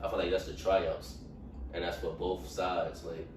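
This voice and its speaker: Deep-voiced man rambling in casual chat. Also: level tone, unhurried. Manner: rambling, heavy use of fillers. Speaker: podcast guest. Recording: echoey room, mic far off, faint noise.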